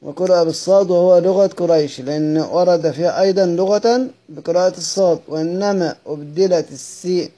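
A man's voice: high-pitched, brisk, hardly any pauses, dark tone. A man with an Egyptian accent giving a study-circle lecture on Quran readings. He asks himself questions, answers them, and repeats the key phrases. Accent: Egyptian Arabic.

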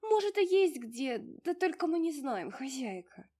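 A woman's voice: high-pitched, very animated, unhurried, warm tone, pitched above the performer's own voice. A woman voicing a fussy little house-spirit granny. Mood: fussing. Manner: folksy, doting, exclamatory.

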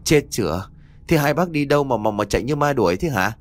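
A man's voice: medium pitch, lively intonation, a little fast, close to an everyday voice. A man voicing a startled young village crier who stammers out polite questions.

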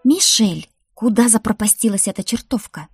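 Audiobook: woman voicing a scolding ice-witch grandmother, raised and sharp, husky edge. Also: mid-range voice, very animated, fairly quick, dry recording, soft background music. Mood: grumbling. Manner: scolding, grumbling. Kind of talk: audiobook character voice.

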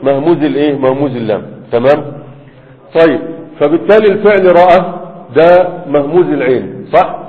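A man's voice: on the high side, fairly quick. A man with an Egyptian Arabic accent teaching grammar in a classroom lecture, often quizzing his students with "right?" and "what?". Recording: phone-like, with a long hall reverb.

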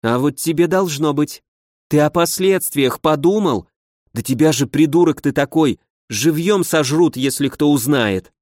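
A hot-tempered young noblewoman, voiced by a male reader in a raised, sharp tone. She nags and scolds in quick, reproachful bursts. The sound is dry and close, like a studio audiobook. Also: sits low, expressive, dry recording, voice pushed up. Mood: scolding.

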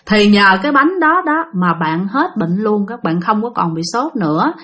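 A woman's voice: medium pitch, lively intonation, normal speed, fairly bright tone. Chatty Southern Vietnamese woman telling ghost stories. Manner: chatty, addresses listeners directly, many fillers. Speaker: storyteller. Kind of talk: casual spoken ghost-story telling.

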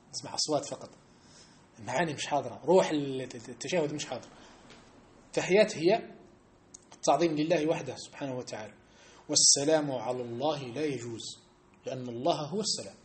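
A man teaching a lesson in a mosque, animated and argumentative, challenging his listeners directly. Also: fairly high pitch, a little hiss or hum. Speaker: religious teacher.

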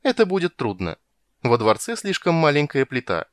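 A man's voice: fairly high pitch, huge pitch swings, dry recording, clean studio sound, voice pushed up. A man voicing a sly, snappish female tiger shark courtier in a storybook reading. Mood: snide. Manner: snide, quick to flare up.

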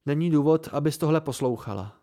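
A man reading an audiobook aloud and voicing a smug young nobleman who talks softly and condescendingly. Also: on the high side, no echo, clean studio sound, close to an everyday voice.

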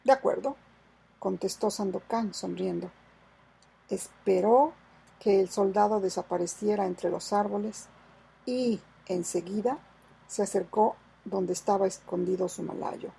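A woman reading a novel aloud in a steady, measured way. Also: medium pitch, vocal fry, slightly rough. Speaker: audiobook reader. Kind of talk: scripted narration.

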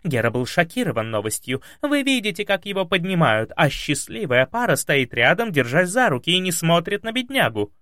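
A man reading aloud as a shrill, squealing female TV reporter who reports in a breathless, sensational way. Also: big pitch swings, normal speed, hardly any pauses, fairly bright tone, no echo, clean studio sound.

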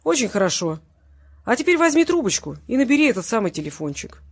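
A cocky, mocking male tough guy, put on by a woman narrator in an audiobook. His voice sits high and loud above her usual reading and bounces around as he makes cheerful threats. There is a husky edge to it. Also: sing-song, fast.

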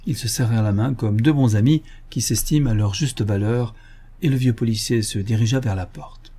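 Mellow-voiced male audiobook narrator. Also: mid-range voice, fairly quick. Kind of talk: scripted narration.

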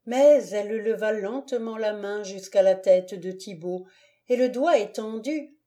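A woman narrating a classic novel as an audiobook, in a measured, deliberate way. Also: mid-range voice, mellow.

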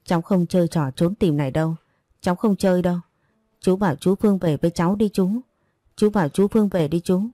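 A woman voicing a grieving seventeen-year-old who pleads and insists, in a low, dark voice. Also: a little fast, no room sound, studio quality, natural voice. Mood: pleading. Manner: pleading, insistent, breaking into denial.

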